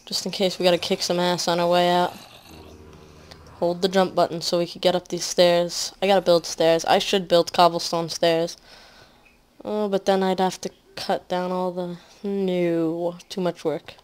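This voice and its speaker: A woman's voice: lowish voice, flat delivery, moderate pace, clear, resonant tone. Rambling woman narrating her game. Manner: rambling, filler-heavy, often trails off quietly. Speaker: gaming commentator. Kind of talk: casual let's-play commentary.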